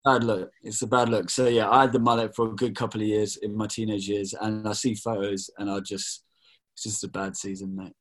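A British man in his thirties, a pastor, chatting in a relaxed, jokey way on a video call. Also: fairly low pitch, a little fast, poor audio. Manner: relaxed, jokey, keeps saying mate. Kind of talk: casual video call interview.

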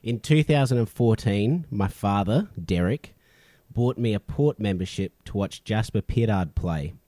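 A man's voice: fairly low pitch, measured pace, mellow, dry recording. An Australian man bantering casually as a sports podcast co-host in a cheeky, teasing way.

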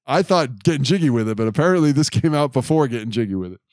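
A man's voice: medium pitch, expressive, fast talker, a little mellow, no room sound, studio quality. A man co-hosting a podcast in casual chat, recapping the plot and adding trivia. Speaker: podcast co-host.

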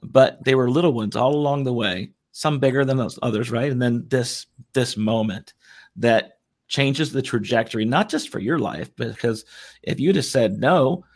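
A man's voice: mid-range voice, moderate pace. A man hosting an interview, reflecting on and summing up his guest's story. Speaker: host. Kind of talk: interview conversation.

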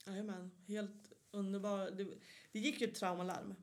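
A woman's voice: medium pitch, little pitch movement, slight background noise. A woman, a guest in a casual interview, telling stories with frequent laughter and acted-out voices.

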